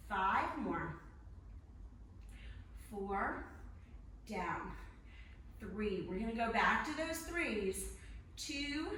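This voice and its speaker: Echoey, higher-voiced woman aerobics instructor. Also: fairly bright tone. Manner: counting and cueing moves in short encouraging commands; physically exerting while talking. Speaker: fitness instructor. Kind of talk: aerobics instructor leading a live workout class. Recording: very echoey room, distant mic, faint noise.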